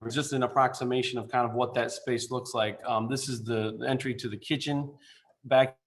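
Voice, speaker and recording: Man on a video call, architect pitching a design, casual and halting, mid pitch. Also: little pitch movement, slight background noise. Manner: informal, halting, many fillers and restarts. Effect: speaking remotely over a video call. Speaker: architect presenting a building design. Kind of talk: presentation to a council.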